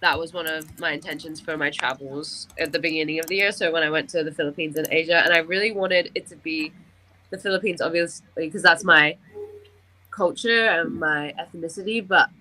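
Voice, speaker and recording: A young woman, a guest artist, chatting in a bubbly, expressive way. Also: low voice, a little fast, slight background noise, poor audio. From Australia. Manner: bubbly, expressive, says "like" a lot. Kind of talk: casual chat.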